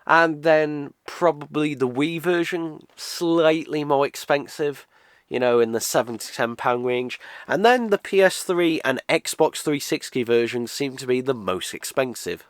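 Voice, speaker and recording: Slightly high and animated, this unhurried voice comes from a British man in his twenties who is nasal from a cold. He wanders through a casual game unboxing review with plenty of uhs and restarts, and the tone is clean with no echo.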